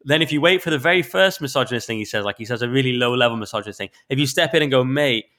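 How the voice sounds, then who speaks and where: Bright-voiced sarcastic man. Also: medium pitch. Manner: sarcastic, quick and mocking. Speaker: podcast co-host. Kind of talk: casual political chat.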